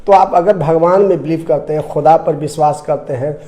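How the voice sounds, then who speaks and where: A man from Bihar, India, speaking with a Bihari accent, delivers impassioned political commentary as a debate guest. He is emphatic and repetitive and keeps firing rhetorical questions. His voice is on the high side, fairly quick and dark in tone.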